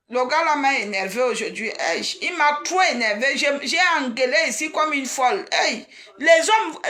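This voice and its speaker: A woman, chatting casually and excitedly on a live stream and teasing her viewers. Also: sits high. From Cameroon.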